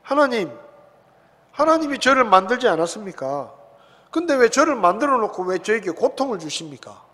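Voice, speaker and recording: A pastor voicing an indignant pleading sufferer. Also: male voice, sits high, very animated, normal speed, pauses often, fairly bright tone, slightly rough, long reverb tail, heavily acted. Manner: protesting, indignant questioning. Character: complaining suffering man pleading with God.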